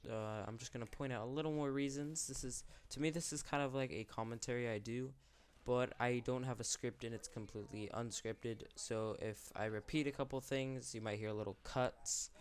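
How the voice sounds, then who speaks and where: A young man hosts an unscripted YouTube commentary, his medium-pitched voice steady and paced normally with few pauses. He's sick and losing his voice, rambling candidly and correcting himself as he goes.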